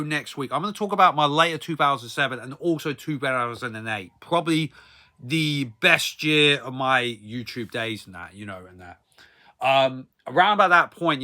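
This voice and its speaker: A man in his thirties speaks in a very bright, forceful voice at typical male pitch. He sounds like a vlogger doing a casual story time, rambling hesitantly, repeating himself, and often adding filler tags to the ends of his phrases.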